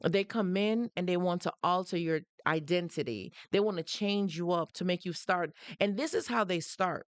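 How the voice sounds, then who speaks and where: Hosting a relaxed livestream, this Jamaican-accented woman talks straight to her audience at a normal speed with hardly any pauses. Her lowish voice sounds clean, with no room sound. She stresses and repeats her points and interrupts herself to welcome newcomers.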